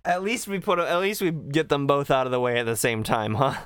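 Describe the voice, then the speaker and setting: A man's voice: mid-range voice, brisk, fairly bright tone, clean tone. A man co-hosting a podcast, chatting casually through a story recap and acting out the quoted lines as he goes. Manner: acts out quoted lines while retelling. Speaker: podcast host. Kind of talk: casual recap chat, reading out dialogue.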